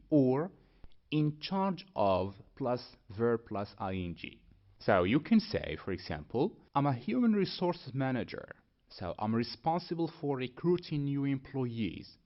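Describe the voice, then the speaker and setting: Lively man teaching English. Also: medium pitch. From Morocco. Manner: clear, deliberate, spells out each step. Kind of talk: scripted lesson to camera. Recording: dull lo-fi sound.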